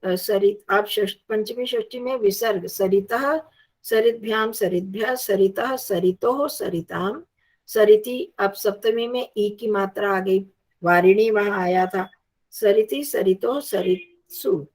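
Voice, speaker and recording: A woman's voice: medium pitch, slow pace, darkish tone. A woman teaching a Sanskrit lesson, patiently reciting and drilling word forms aloud.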